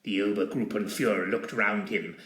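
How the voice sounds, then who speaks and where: A man's voice: fairly low pitch, fairly even intonation, moderate pace, fairly bright tone. A man giving scripted comic narration in a plummy, theatrical upper-class manner. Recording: roomy echo.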